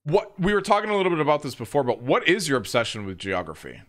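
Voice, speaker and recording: A young man with an American accent, hosting a casual interview, brash and animated, swearing freely. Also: fairly high pitch, quick pace. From New York. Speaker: host.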